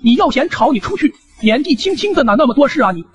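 A man's voice: very high voice, big pitch swings, fast, husky, faint music behind, voice pushed up, exaggerated voice. A man doing a grumpy scolding old neighbor. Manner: scolding, shouting insults.

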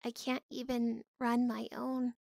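Woman, live-stream host, casual chat, playful, mock-dramatic, laughs a lot, slightly high voice, dry close sound. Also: flat delivery, a little slow, creaky, a little mellow, no echo. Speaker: livestream host. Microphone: VR headset.

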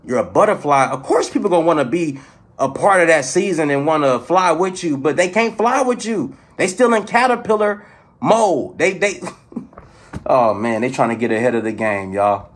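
A man giving a casual, profane motivational rant to his viewers, preachy and excitable, swinging between loud outbursts and low murmurs. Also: normal speed. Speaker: spiritual motivational vlogger.

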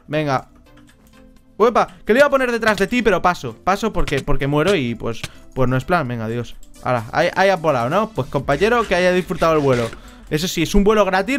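Casting: joking Spanish man from Spain, high voice, gaming commentary into a headset, faint music under it. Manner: chatty, joking, bursts into shouts. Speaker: Minecraft gameplay YouTuber. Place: at home.

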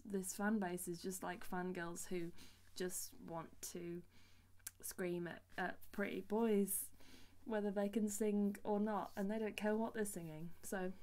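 A young woman, a singer-songwriter, ranting in a vlog, animated and exasperated, with her voice leaping up on outbursts. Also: mid-range voice.

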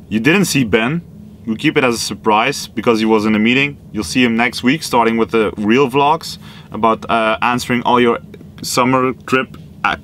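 A man's voice: medium pitch, fairly bright tone, a little hiss or hum. Young man casually hosting a vlog. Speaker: vlog host. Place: outdoors on an office campus, then a small office booth.

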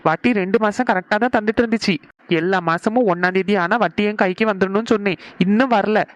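A voice actor plays a stern cartoon moneylender man. He speaks at a middle pitch, blunt and threatening, and the recording is dry and close. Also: fast talker, no echo, close to an everyday voice. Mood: demanding. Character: stern male village moneylender. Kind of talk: cartoon voice acting.

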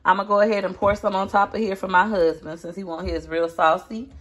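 A woman's voice: mid-range voice, steady tone, quick pace, a bit bright. A woman filming a casual home cooking video, chatting folksily to her viewers while she stirs a pot. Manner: chatty, folksy, talks to viewers as Peach Patch. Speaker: cooking vlogger. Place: home kitchen.

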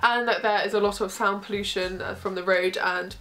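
This makeup vlogger is a young woman whose cold leaves her sounding bunged up as she talks through her routine in a small bedroom, right in front of the camera. She speaks fairly quickly at a medium pitch, easygoing and giggly, and a faint hiss or hum sits under the recording.

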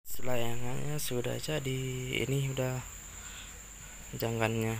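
A man casually showing his finished kite in a relaxed, slow vlog chat. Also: mid-range voice, gravelly, a little hiss or hum. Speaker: kite maker. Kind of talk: casual vlog show-and-tell.

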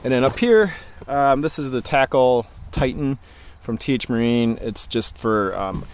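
A man giving a relaxed, rambling walkthrough tour of his boat outdoors, talking with many fillers into a handheld camera. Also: on the low side, slight background noise. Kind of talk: casual walkthrough vlog.

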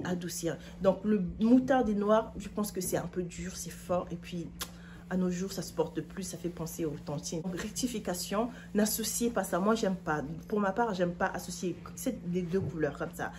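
A woman's voice: medium pitch, darkish tone, a little hiss or hum. A woman in her thirties, a fashion vlogger seated on a couch in her living room, giving a chatty, opinionated outfit review straight to her viewers. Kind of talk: casual outfit review to camera.

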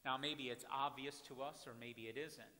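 A pastor, preaching a dramatic sermon that swings from hushed to loud, recorded from the back of a church. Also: male voice, medium pitch, fairly even intonation, normal speed. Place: church sanctuary with congregation. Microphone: far camera at back of church. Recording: reverberant church from far off.

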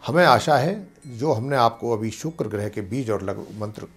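A man, an astrologer and pandit, calmly explaining planetary mantras and slowly chanting them. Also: mid-range voice, breathy edge, faint music behind. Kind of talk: devotional teaching talk.

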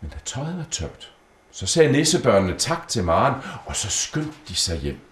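A man reading a children's Christmas story aloud in a gentle, storybook way. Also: medium pitch, big pitch swings. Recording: roomy echo.

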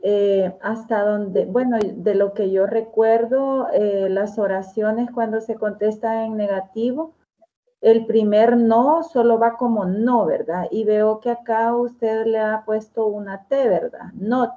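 A woman's voice: a little high, steady tone, slow pace, dark tone. A woman asking her tutor a question in a hesitant, checking way. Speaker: student. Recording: dull lo-fi online call audio.

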